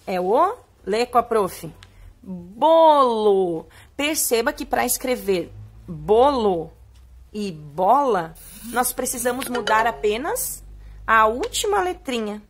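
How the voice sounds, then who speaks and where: A young adult woman teacher with a Brazilian Portuguese accent, reading a poem aloud and explaining words to young children, stretching key words slowly in a sing-song way. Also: fairly high pitch, animated, a bit bright.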